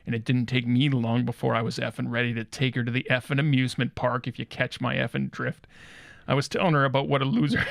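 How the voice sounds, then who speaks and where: A man's voice: mid-range voice, vocal fry, no echo, studio quality, lightly acted. A man playing a crude, cocky guitar store owner who brags about rock and says 'effing' in place of swears. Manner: swaggering, swaps swears for 'effing' and 'F'. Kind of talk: comedy character monologue.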